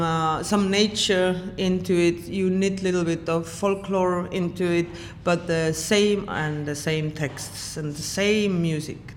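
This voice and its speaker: An Estonian saxophonist in her forties answers interview questions with an Estonian accent and a lowish voice. She is reflective and halting, using many fillers, and the recording has a long hall reverb with faint noise.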